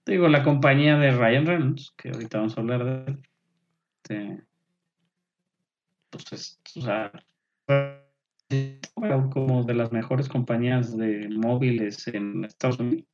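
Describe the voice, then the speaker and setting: A man's voice: medium pitch, measured pace, pauses often, darkish tone, faint music behind. A Mexican man co-hosting a podcast, chatting loosely with slang and casual swearing while his voice cuts out on an unstable online call. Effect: voice cutting out on an unstable online call. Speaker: podcast co-host. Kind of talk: casual chat about tech and movie news. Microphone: remote call from home. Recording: dull lo-fi call audio dropping out.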